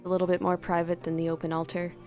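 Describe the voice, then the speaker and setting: Woman doing a robed church guy, formal and polite, low gravelly voice. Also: monotone, fast talker, a little mellow, faint music behind, natural voice. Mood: courteous. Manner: formal, courteous. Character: robed male clergy member, formal greeter.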